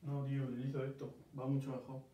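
A man's voice: mid-range voice, flat delivery, quick pace, mellow, lo-fi sound. Murcian man teaching in an echoey room. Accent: Murcian Spanish. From Murcia, Spain. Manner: patient, explains step by step with checking questions. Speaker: English teacher. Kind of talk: casual one-on-one pronunciation lesson. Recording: very echoey room, mic far off, faint noise.

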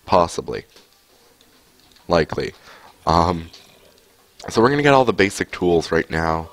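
Sick with a cold, this young man gives loose gameplay commentary over a headset mic in a room at home, wandering off with lots of filler words. His pitch sits low but swings widely, and he never rushes.

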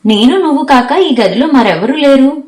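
Woman reading bold talkative college girl, teasing, higher voice, storybook audio, roomy echo. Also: animated, moderate pace, a little mellow. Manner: teasing, chatty.

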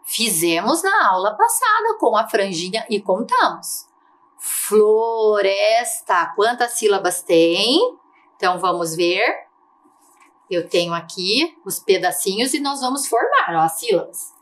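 A Brazilian woman teaching a lesson to young children, drawing out key words slowly in a sing-song way. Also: medium pitch, sing-song, fairly bright tone. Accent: Brazilian Portuguese. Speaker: primary school teacher.

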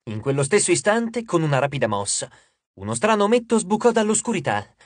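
Man narrating an audiobook, animated pitch, husky tone, dry close studio mic. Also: a little fast, no echo. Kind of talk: scripted narration.

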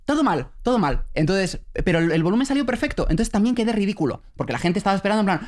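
A young man, co-hosting a podcast and telling a story in an animated, breathless way. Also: high voice, very fast. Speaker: podcast co-host and actor. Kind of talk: casual storytelling chat.

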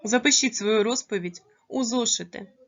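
Woman, primary school teacher, slow clear dictation, slightly dull recording. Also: fairly high pitch. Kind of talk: classroom lesson for young pupils.

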